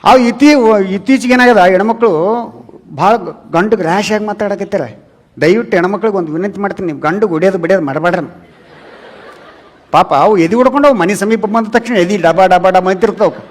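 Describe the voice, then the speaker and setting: A man with a very high, light voice and a North Karnataka Kannada accent performs stand-up comedy. He tells chatty stories and keeps turning to address the audience directly. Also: fairly quick. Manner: chatty storytelling, repeatedly calls the audience "relatives". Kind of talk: humorous stage talk to a live audience.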